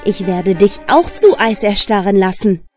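A woman's voice: mid-range voice, expressive, normal speed, darkish tone, faint music behind, natural voice. Woman as the cold, menacing evil Snow Queen. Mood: angry, threatening. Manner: commanding, menacing.

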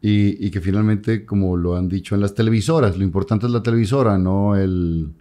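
Mexican guy hosting, low mellow voice, short questions. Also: steady tone, fairly quick. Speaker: talk show host. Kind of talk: casual interview chat.

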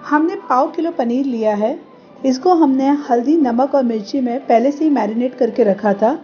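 A woman giving calm, step-by-step voice-over cooking instructions as host of a home cooking show. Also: high-pitched, moderate pace, muffled recording, soft background music.

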